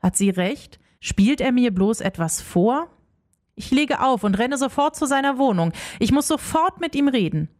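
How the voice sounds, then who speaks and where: Expressive young woman narrating a story. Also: a little high, normal speed. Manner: expressive, emotional, acts out dialogue. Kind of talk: first-person story narration.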